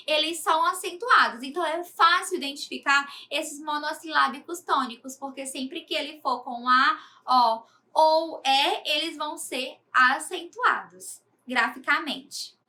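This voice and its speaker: Brazilian woman, teacher, high voice, bright tone, patient step-by-step lesson. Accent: Brazilian Portuguese. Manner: patient, explains step by step, checks with 'né?' and 'ok?'. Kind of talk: recorded grammar lesson for children.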